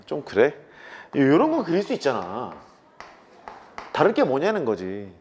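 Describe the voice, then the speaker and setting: Man in his 30s, brash classroom math teacher, swings his pitch widely, needles students with casual swearing. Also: huge pitch swings, a little slow, a little mellow, slight background noise. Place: classroom with chalkboard.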